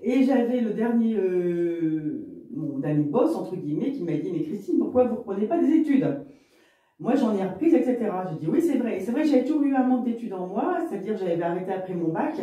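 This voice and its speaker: Animated and brisk, with a mid-range, dark-toned voice, a Lille-born real estate business owner in her fifties rambles through her career story as an interview guest, peppering it with fillers and asides. The audio is dull and very echoey from a distant mic.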